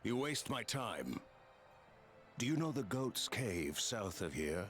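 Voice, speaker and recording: Wooden, low-voiced cagey messenger. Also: male voice, takes it slowly, soft background music, full character voice. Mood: guarded, insistent. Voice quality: wooden, unconvincing delivery. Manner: stilted, flat bad acting. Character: cagey messenger man Gandahar serving sinister masters. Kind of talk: video game dialogue. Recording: game audio with noisy outdoor ambience.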